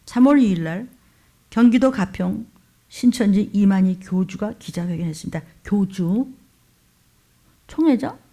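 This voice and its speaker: A woman pastor preaching a fiery sermon, scolding her listeners with sharp rhetorical questions. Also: medium pitch, expressive, normal speed.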